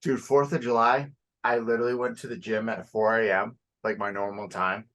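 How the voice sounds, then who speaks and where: Sleepy, low-voiced young podcast co-host. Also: male voice, level tone, moderate pace, a bit bright. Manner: loose and profane, laughing and yawning. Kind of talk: casual chat.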